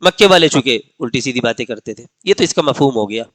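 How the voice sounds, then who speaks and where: A man giving a religious lecture, explaining points patiently and slowing into melodic chanted recitation of verses. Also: medium pitch, animated, fairly bright tone, dry recording. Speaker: religious teacher. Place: mosque lecture gathering.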